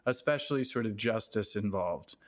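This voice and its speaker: A man hosting a casual interview podcast in a halting, rambling, self-deprecating way. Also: fairly low pitch. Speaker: podcast host. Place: basement apartment at home.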